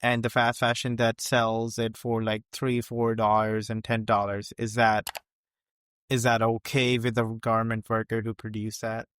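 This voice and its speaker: A man hosting a podcast who asks questions haltingly, restarting words and using loose, non-native phrasing. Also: lowish voice, little pitch movement, fairly bright tone, a little hiss or hum. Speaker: podcast host. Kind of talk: interview questions.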